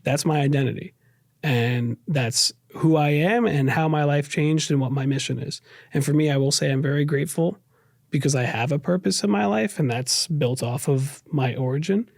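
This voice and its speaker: This man, a podcast guest raised in New York, talks earnestly and reflectively about personal matters in an interview, circling back to repeat and rephrase his points. He has a New York accent and a slightly high, creaky, darkish voice at a normal speed. The studio-quality recording is dry.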